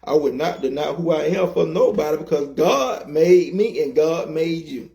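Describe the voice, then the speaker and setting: Earnest gravelly man. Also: on the high side, normal speed, warm tone. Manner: earnest and preacherly, repeats himself for emphasis. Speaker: co-host, comedy skit creator. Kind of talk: casual interview chat.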